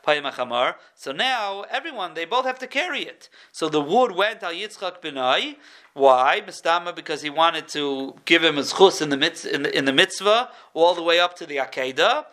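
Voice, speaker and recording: A man teaching a Torah class in an animated way, acting out the quotes he tells. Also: a little high.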